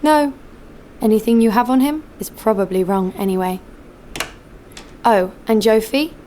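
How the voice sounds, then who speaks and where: Speaking unhurriedly in a natural, high-leaning yet dark-toned voice over slight background noise, an actress portrays a hard-nosed, cynical bounty hunter. She narrates and speaks dialogue in the first person for an audio drama, hostile and blunt, with a sardonic bite.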